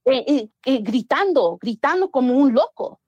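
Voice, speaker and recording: Woman, higher pitch, dry recording, chatty storytelling, many restarts. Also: expressive, moderate pace, darkish tone, dry recording, highs cut off. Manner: mixes English words into Spanish, many restarts. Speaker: guest. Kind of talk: casual storytelling interview.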